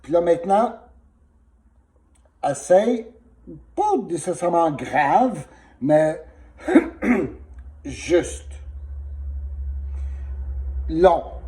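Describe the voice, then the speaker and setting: A man teaches a one-on-one singing lesson, patiently walking a student through vowels. His voice sits fairly high but sounds mellow, and he speaks very slowly. A sore throat makes him cough and clear his throat often. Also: sing-song. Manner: patient, instructive, demonstrating vowels.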